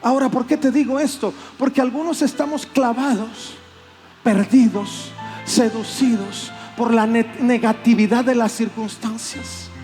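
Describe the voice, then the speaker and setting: A man preaching a sermon as pastor, animated and acting out plaintive voices. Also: very high-pitched, unhurried, soft background music. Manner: animated, acts out voices of complaint.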